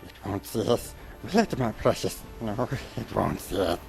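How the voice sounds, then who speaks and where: A man voicing Gollum, a wicked, miserable cave creature who mutters obsessively to himself in a hissing, whispery voice that turns shrill in a dramatic storybook reading. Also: lively intonation, moderate pace, vocal fry, a little mellow, soft background music. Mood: sly, gloating.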